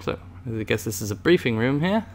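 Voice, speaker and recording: Putting on a British accent, a man hosts a gaming video as a devoted Imperial pilot, hamming up his playful commentary in character. His medium-pitched voice is sing-song and fairly quick, with a noisy background behind it.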